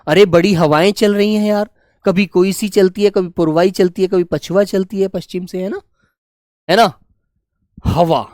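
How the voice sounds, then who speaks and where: A man's voice: high-pitched, no echo, studio quality. A man teaching an online Hindi grammar lesson, affectionate and repetitive, keeps asking his students questions and answering them himself.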